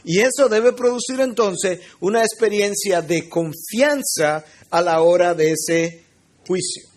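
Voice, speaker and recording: A man's voice: high-pitched, unhurried. A middle-aged man who is a pastor, preaching an earnest teaching sermon and speaking straight to his listeners.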